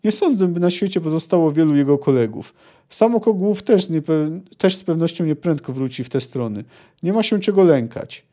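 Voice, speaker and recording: A man's voice: fairly high pitch, lively intonation, warm tone, lightly acted. A man reading aloud and voicing a cold, terse male monster hunter who explains things coolly. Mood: dry. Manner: cool, measured lecturing.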